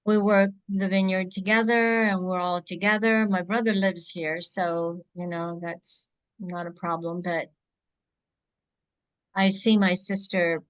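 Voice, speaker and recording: A woman born in Greece speaks as an interview guest over a video call. Her voice sits a little low, and she talks in a thoughtful, halting way, often pausing and restarting her sentences. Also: steady tone, clear, resonant tone. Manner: reflective, halting, with frequent restarts. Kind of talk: casual interview chat.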